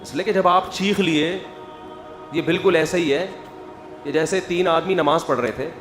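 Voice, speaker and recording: A man giving a humorous religious talk, acting out quoted voices and building to loud emphasis. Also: fairly high pitch. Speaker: Islamic preacher. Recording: echoey hall with faint music.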